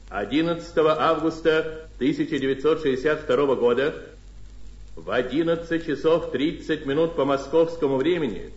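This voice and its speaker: A solemn, stately man makes a formal state radio announcement. His voice sits fairly high for a man and moves at a slow, deliberate pace. It comes through an echoey archival Soviet broadcast. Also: a bit bright, muffled recording. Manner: solemn, stately, measured proclamation.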